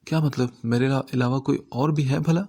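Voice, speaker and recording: Male narrator doing a hurried, quick-witted young woman, gravelly voice. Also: medium pitch, steady tone, a little mellow. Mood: flustered.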